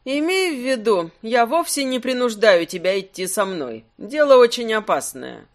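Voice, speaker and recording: Brief: man doing a mocking, ice-cool adventurer woman for an audiobook, high and lively. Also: normal speed, heavily acted. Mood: ironic. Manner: ironic, cool, teasing.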